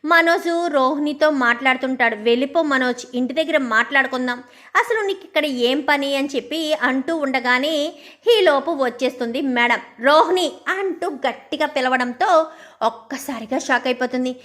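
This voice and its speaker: A woman's voice: high-pitched, brisk, a bit bright. A woman casually retelling a serial episode, narrating and quoting each character in her own voice. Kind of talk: casual spoken story recap.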